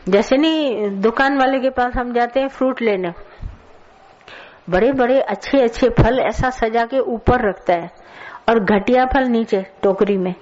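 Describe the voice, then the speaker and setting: A woman's voice: on the high side, a little slow, darkish tone, dull audio. A woman giving a colloquial spiritual sermon, scolding and telling stories to her listeners. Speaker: spiritual teacher. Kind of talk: satsang sermon.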